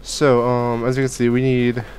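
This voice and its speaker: Sick with a cold, the young man running a gaming channel rambles casually through a Minecraft let's play from his home setup, restarting often and filling gaps, with a headset and desk studio mic. His monotone, medium-pitched voice has a darkish tone at normal speed, with slight background noise.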